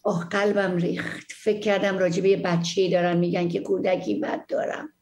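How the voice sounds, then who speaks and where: A woman psychologist on a call-in TV show, warmly reassuring viewers and calling them dear. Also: lowish voice, flat delivery, roomy sound. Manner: warm, reassuring, uses terms of endearment. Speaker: psychologist answering viewer questions. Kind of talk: call-in TV advice talk.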